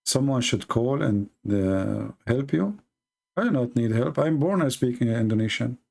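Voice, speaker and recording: A man giving late-night livestream commentary, mocking and halting, with sarcastic asides. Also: medium pitch, lively intonation, gravelly, darkish tone. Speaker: online debate streamer.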